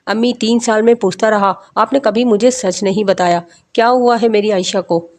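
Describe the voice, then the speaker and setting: A woman's voice: mid-range voice, steady tone, close to an everyday voice. A woman narrator voicing an anguished young man questioning his mother.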